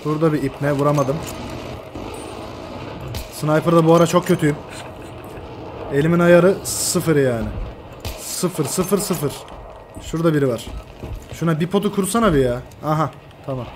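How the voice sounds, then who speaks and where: A high-voiced man commentating his own shooter gameplay, quick to yell and curse at teammates. Game noise and engine rumble sit clearly under his voice. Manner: excitable, swears and shouts at teammates. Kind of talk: live gaming commentary.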